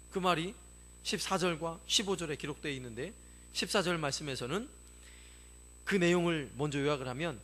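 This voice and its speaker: A man's voice: fairly high pitch, fairly bright tone. A middle-aged man preaching a sermon as pastor, emphatic and insistent, repeating his points.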